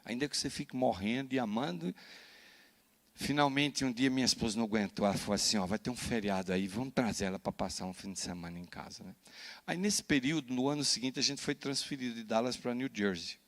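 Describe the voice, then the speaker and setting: A Brazilian man, a pastor, telling a personal story in a sermon, animated and often adding "né?" to his lines. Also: mid-range voice, fast. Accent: Brazilian Portuguese. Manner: animated storytelling with frequent "né?" tags. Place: church.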